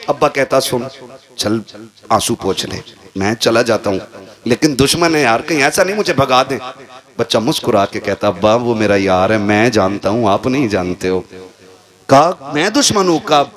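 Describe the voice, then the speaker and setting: A man from India preaching a sermon as a dramatic story, acting out the characters, moving from hushed low tones to high impassioned cries. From Moradabad, India. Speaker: Islamic preacher.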